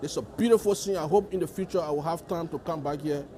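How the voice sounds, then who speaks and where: A man's voice: fairly high pitch, quick pace, warm tone. A man with a Liberian accent giving formal interview answers as a delegate, stressing points by repeating his phrases. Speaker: government delegate being interviewed.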